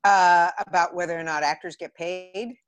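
A woman from the Los Angeles area with an American accent chats casually as an interview guest, a theater director by profession. Her lowish voice keeps a steady tone at a moderate pace, with no room sound.

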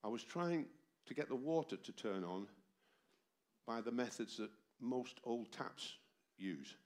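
A man in his seventies addresses his congregation in a church hall, his mid-range voice lively in intonation but measured in pace. A cold has left him sounding tired, and he likes to ask the room rhetorical questions. An amplified microphone carries his sermon.

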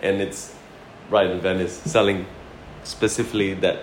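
A man with a low-pitched voice and flat delivery talks at a moderate pace. He is a chef from Malaysia's Sarawak who later moved to New Zealand, casually swapping anecdotes in an interview and often repeating himself. Loud background noise and a roomy echo fill the recording.

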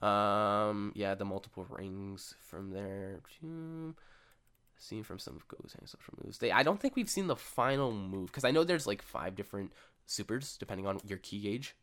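A young man co-hosts a podcast, rambling casually about fighting games and reading stats aloud with lots of fillers, all while having hiccups. His voice is fairly low in pitch, a bit bright, and clean in tone, at normal speed.

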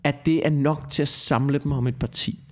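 A man on a podcast who rants at length and swears freely. His voice sits somewhat high for a man. He talks casually to his co-host. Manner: ranting, swearing, animated.

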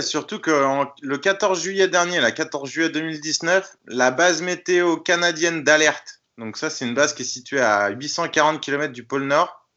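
A man explaining something in a casual chat, halting and often searching for words. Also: fairly high pitch, sharp tone, dull audio.

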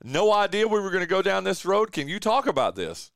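A man hosting a casual sports podcast, animated and joking, calling his guest "dude". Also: high-pitched, fairly quick, gravelly, no echo, studio quality. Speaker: podcast host.

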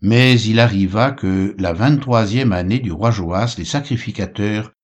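A man giving a measured, expressive reading of the Bible. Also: lowish voice. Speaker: Bible reader.

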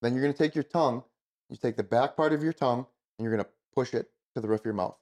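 A man's voice: medium pitch, fast talker, darkish tone. A man giving casual hands-on instruction as an expert, in a plain-spoken, informal way. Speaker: goose calling expert, instructor.

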